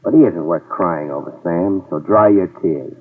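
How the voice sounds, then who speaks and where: On a tinny, distant old radio transcription, a man with a low voice at a moderate pace plays a tough, hardboiled private eye in 1950s radio drama style. As lead actor and narrator, he wisecracks with a dry, wry delivery.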